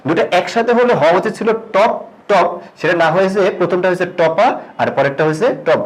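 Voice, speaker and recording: A man teaching a recorded grammar lesson, asking questions and answering them himself, dropping low and slow on key terms. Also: lively intonation, poor audio. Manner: drops pitch and slows on key terms.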